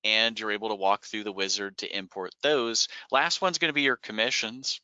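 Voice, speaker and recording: A man from a software company walking through product features in a webinar, explaining in a relaxed way with frequent "uh" and "um" fillers. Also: lowish voice, moderate pace, clear, resonant tone, no echo, dull audio. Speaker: software company staff presenting product updates. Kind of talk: webinar screen-share walkthrough.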